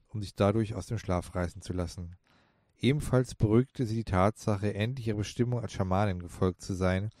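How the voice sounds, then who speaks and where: Low-voiced man reading a novel. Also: dark tone, no room sound, studio quality. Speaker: audiobook narrator. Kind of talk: scripted narration.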